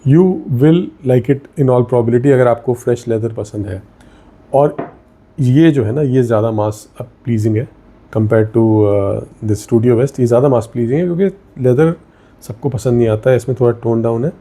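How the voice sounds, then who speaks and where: Indian male perfume vlogger, deep mellow tone, chatty code-switching review. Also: measured pace. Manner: mixes Hindi and English, thinks aloud while sniffing. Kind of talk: casual product review vlog.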